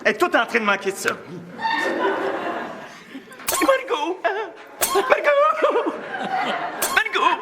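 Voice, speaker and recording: A man's voice: very high-pitched, huge pitch swings, unhurried, pitched above the performer's own voice, full character voice. A man voicing Germaine, a stubborn older mother with a Québécois accent who talks in a frantic rush. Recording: loud crowd and noise.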